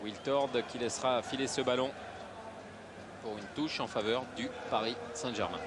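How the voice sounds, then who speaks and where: Male football commentator over loud stadium noise. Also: medium pitch, fairly even intonation, moderate pace. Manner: names players in short clipped phrases. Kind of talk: live play-by-play football commentary. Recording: very noisy stadium broadcast. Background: loud stadium ambience.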